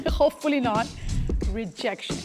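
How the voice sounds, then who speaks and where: A woman hosting a podcast in a casual monologue, animated and chatty, laughing often. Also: on the high side, a little slow, music in the background. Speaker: podcast host.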